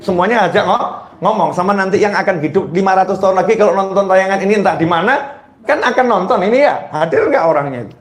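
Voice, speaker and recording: Male preacher, teasing question-and-answer delivery, slightly high voice, roomy hall sound. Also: fast talker. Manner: playful, teasing the audience with questions; jumps into high squealing mimicry of mothers. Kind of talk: sermon. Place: hall with a live audience.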